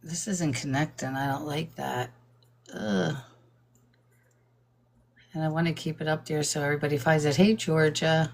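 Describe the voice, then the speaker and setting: A woman's voice: low-pitched, flat delivery, normal speed, long pauses, darkish tone. An older woman hosting a live stream, chatting casually, laughing often and greeting viewers by name. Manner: admits nervousness about reading aloud.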